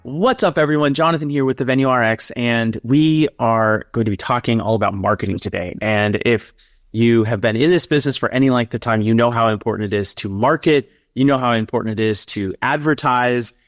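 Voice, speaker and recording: A man hosting a podcast interview, upbeat and talking in quick bursts. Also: medium pitch, no room sound, studio quality. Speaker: podcast host.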